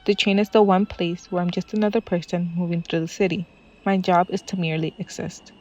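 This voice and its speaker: A teenage girl reading a scripted personal essay in a calm, reflective voice. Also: lowish voice, fairly quick. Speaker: student reporter. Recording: dull lo-fi audio with faint music.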